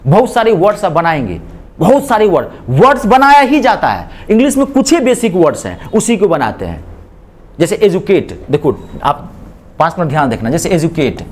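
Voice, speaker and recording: A man's voice: sits high, sing-song, fairly quick. A man teaching a classroom English grammar lecture, drilling students with repeated questions and slipping English phrases into his explanations. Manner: mixes spoken English phrases into Hindi explanations.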